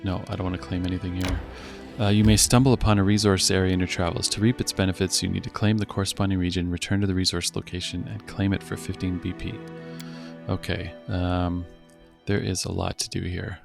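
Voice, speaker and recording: Over background music, a deep-voiced let's play host with a rough, gravelly fry talks through his game in a flat, brisk manner. He voices the menus and dialogue as he reads them and works out every decision in casual commentary.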